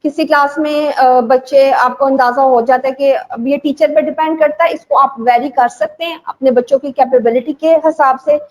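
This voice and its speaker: A woman's voice: high-pitched, steady tone, moderate pace, few pauses, low-quality recording. A woman who runs a school, giving a patient instructional talk to teachers and spelling out examples. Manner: patient, repeats and spells out examples, code-switches into English. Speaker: teacher trainer and school owner.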